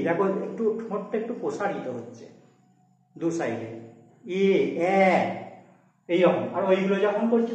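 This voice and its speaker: A man's voice: high-pitched, darkish tone. A man teaching a grammar lesson at a board, explaining step by step and often asking his students if they follow. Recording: echoey room, distant mic, dull sound.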